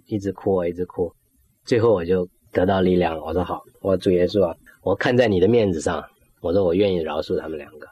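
A man's voice: low voice, mellow, breathy edge, dry recording. A middle-aged man giving an emotional personal faith testimony, acting out his own prayers and dropping in English words. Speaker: testimony speaker.

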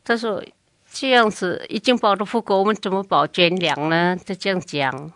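A woman's voice: medium pitch, normal speed, no echo. An older woman recounting her family's past in a long oral history interview, acting out what others said. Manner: lively, acts out other people's speech.

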